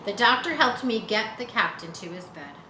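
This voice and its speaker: A storyteller in her forties reads a children's book dramatically in a bright room by large windows, adding explanations for young listeners. Her mid-range voice is animated and sharp at a normal speed, picked up by a camera a short distance away in a roomy recording with some background noise.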